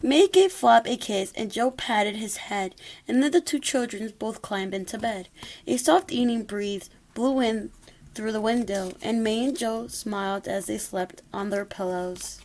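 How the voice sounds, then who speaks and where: A woman's voice: a little high, unhurried, darkish tone, a little hiss or hum. A woman reading a rhyming children's story aloud expressively, occasionally stumbling over a word. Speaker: storybook reader.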